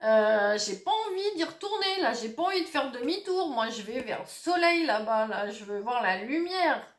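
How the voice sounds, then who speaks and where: A woman's voice: a little high, animated, natural voice. A woman voicing a timid male tarot Fool carrying a small bundle, in a put-on southern French accent, hesitant and fearful. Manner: hesitant, fearful, drawn-out words. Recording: roomy echo.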